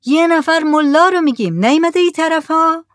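A woman voicing a man on a boat who calls out loudly to people on the shore, in a story reading. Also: extremely high pitch, no room sound, clean studio sound, pitched above the performer's own voice. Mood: shouting. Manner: calling out loudly across water.

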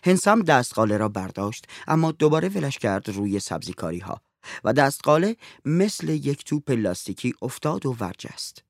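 A man narrating a story in an expressive reading voice. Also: medium pitch, vocal fry, dry recording, studio quality.

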